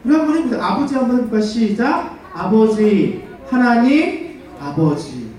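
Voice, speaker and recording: A man giving a children's sermon as pastor, animated and full of questions for the kids, leading them in call-and-response. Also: very high-pitched, normal speed. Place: church hall. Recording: echoey church hall, far from mic.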